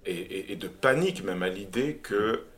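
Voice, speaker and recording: Un homme à l'accent québécois, coanimateur d'un balado, qui réfléchit à voix haute avec de nombreuses hésitations et reprises, puis lit un extrait à voix haute. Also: male voice, fairly low pitch, animated, normal speed. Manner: hesitant, many restarts. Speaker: podcast co-host. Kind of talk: reflective podcast talk and reading aloud.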